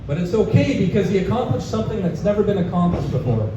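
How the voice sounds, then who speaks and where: A young Canadian man with a high-pitched, sing-song voice rattles through a live stand-up set at a pub comedy room, casual, full of "uh" fillers, and chuckling at his own gags. Picked up by a distant mic, the echoey bar audio comes out dull and noisy.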